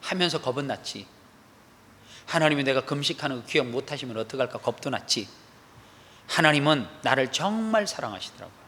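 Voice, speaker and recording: A man preaching an animated sermon as a pastor, acting out quoted voices with sudden loud outbursts. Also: medium pitch, brisk, slight background noise. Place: church sanctuary. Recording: long echo of a large hall.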